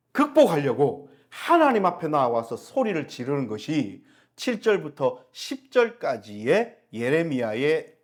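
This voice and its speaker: A middle-aged pastor delivers a Sunday sermon in a fairly high-pitched voice, posing rhetorical questions to the congregation and then answering them himself.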